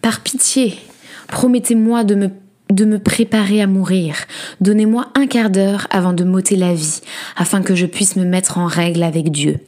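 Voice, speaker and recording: A woman's voice: lowish voice, brisk, hardly any pauses, warm tone, close to an everyday voice. A woman voicing a frightened young wife who stammers and pleads for her life in a storybook reading. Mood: pleading.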